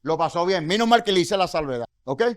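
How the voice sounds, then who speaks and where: A man's voice: high-pitched, expressive, quick pace, dry recording, studio quality. A Venezuelan man teaching a Bible study sermon, speaking conversationally and encouraging his listeners with many rhetorical questions. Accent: Venezuelan Spanish. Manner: exhorting, encouraging. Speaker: congregation teacher.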